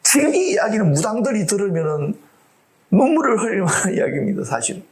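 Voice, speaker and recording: A man from South Korea preaching a sermon to his congregation. He swings between loud outbursts and whispered asides and acts out the voices he quotes. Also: high voice, very animated, fast talker. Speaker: pastor. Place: church before a live congregation.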